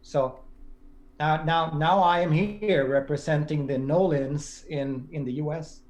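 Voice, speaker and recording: A man's voice: on the high side, a little slow, darkish tone. A man in his forties from Sweden, a podcast guest talking casually and thoughtfully, with many restarts and fillers. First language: Swedish. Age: 40s. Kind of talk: casual conversation.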